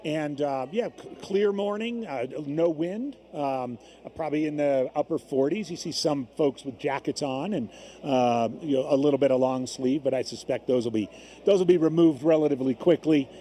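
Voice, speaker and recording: A man's voice: fairly high pitch, normal speed, warm tone. A man co-commentating conversationally on a live endurance race broadcast. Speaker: race co-commentator and former competitor. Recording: faint background noise from gym. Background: gym with runners gathering.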